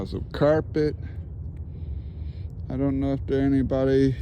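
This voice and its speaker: In a mellow, mid-range voice with slight background noise, a man casually investigates the paranormal outdoors near the woods. He questions spirits, comments to the camera, and turns the answers he gets back into questions.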